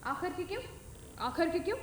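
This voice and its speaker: A woman's voice: very high-pitched, sing-song, a little fast, recorded from a distance, a little hiss or hum. A woman voicing a mischievous boy who teases his sister, in an echoey room. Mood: sly. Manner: sly, teasing. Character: mischievous boy, scheming prankster.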